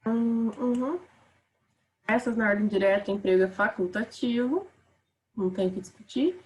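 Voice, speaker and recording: A woman's voice: fairly high pitch, normal speed, a little mellow, rough recording. A woman with a Brazilian Portuguese accent teaching a casual online grammar lesson, chatting with her students.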